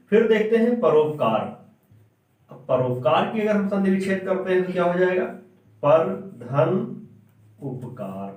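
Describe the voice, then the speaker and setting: Slow, echoey Hindi grammar teacher, a man. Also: a little mellow. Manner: slow, repeats each point as a question then answers it; drags out and drops pitch on key sounds. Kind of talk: grammar lesson at a board. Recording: echoey room, far from the mic.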